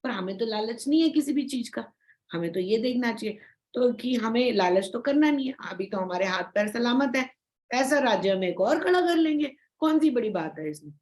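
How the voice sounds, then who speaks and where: A woman teacher talks through a sacred text in an easy, conversational way. She keeps checking in with her listeners through tag questions. Her voice sits a little high. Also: lively intonation, moderate pace, a little mellow, rough recording. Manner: chatty, explaining, with frequent tag questions. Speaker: spiritual teacher. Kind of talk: informal scripture explanation.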